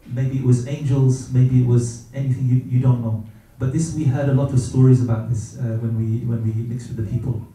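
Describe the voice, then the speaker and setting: A middle-aged man giving a gentle, reverent religious talk about his own experiences, pausing often as he searches for words. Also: medium pitch, little pitch movement. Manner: gentle, reverent, hesitant with many pauses and fillers. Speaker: speaker sharing personal experience. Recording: very echoey room, distant from mic.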